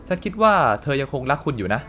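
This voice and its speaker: A timid, frightened young girl speaks softly and hesitantly, as a man dubs her for a game. The voice stays close to an ordinary male pitch. Faint game music sits behind. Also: very animated, racing. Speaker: fan dubber of game dialogue.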